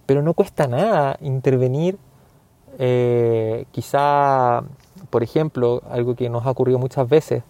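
A man's voice: medium pitch, unhurried, mellow, no room sound. A man from Chile with a Chilean accent, giving an earnest, indignant opinion monologue full of hesitant fillers.

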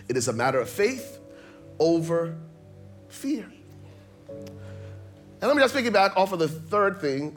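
A man from Liberia, preaching a sermon as pastor, emphatic and rhythmic, often repeating phrases. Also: a little high.

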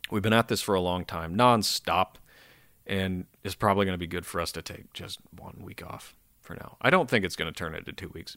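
This is a man with a deep, gravelly voice who sounds very tired and sleepy. He chats solo as a podcast host in a rambling, self-deprecating way, swearing casually. The sound is dry, with no room echo. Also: a bit bright.

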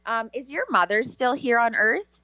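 A woman giving psychic readings on a call-in show in a halting, conversational way, repeating words. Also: fairly high pitch, animated, bright, forceful tone, no room sound. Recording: dull, slightly lo-fi sound.

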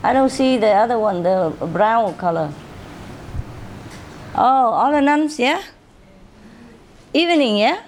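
A woman's voice: fairly high pitch, animated, slow, pauses often, a little hiss or hum. A woman in her fifties, a spiritual teacher, chatting informally with an audience, joking and chuckling often.

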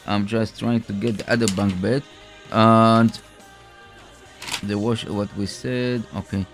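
Halting male radio co-host over music. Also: fairly low pitch, steady tone. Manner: halting, repetitive, circles back on phrases. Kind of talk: improvised radio announcements and sponsor plugs.

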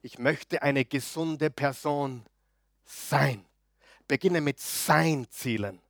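A male pastor preaching a sermon, swinging between loud declarations and quiet asides and often putting questions to the congregation. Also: on the high side, slow, no echo, clean studio sound. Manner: asks the audience frequent questions.

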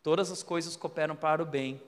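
Pastor guy preaching, high voice, acts out the stories, goes loud then hushed. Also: fairly quick, long reverb tail. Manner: animated storyteller, acts out quotes, shifts between loud and hushed. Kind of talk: sermon with storytelling.

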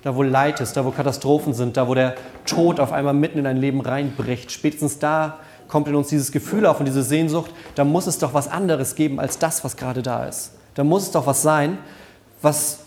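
Pastor, male, slightly high voice, earnest conversational sermon with repeated phrases. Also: steady tone, a little fast, darkish tone, slight background noise. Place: church service.

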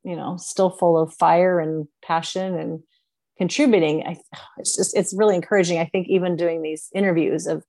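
Chatty woman in her sixties, low voice. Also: fairly even intonation, normal speed, creaky, darkish tone. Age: 60s. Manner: chatty, reflective, many fillers. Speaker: podcast host. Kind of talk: casual interview chat.

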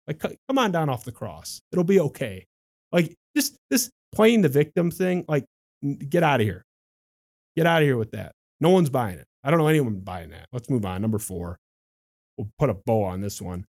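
A man's voice: medium pitch, a little mellow. Sarcastic man ranting about politics. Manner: sarcastic, exasperated, reads quotes aloud and mocks them. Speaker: podcast host. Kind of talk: political commentary monologue.

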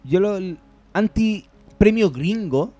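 A man's voice: sits high, animated, takes it slowly, dark tone, dry recording, soft background music. A man with a Chilean accent co-hosting a film podcast in casual chat, slangy and full of "cachai". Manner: slangy, peppers talk with "cachai". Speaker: podcast co-host.

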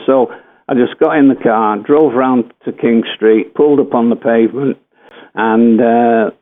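An older English man, a former footballer, telling a rambling anecdote full of fillers and self-corrections. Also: medium pitch. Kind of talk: anecdotal storytelling. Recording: tinny phone-like radio line.

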